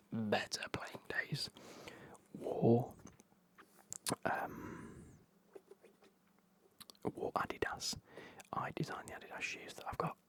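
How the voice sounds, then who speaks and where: British man whispering a casual ASMR unboxing. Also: mid-range voice. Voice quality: breathy, unvoiced whisper. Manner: casual, chatty, hushed. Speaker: ASMR video host.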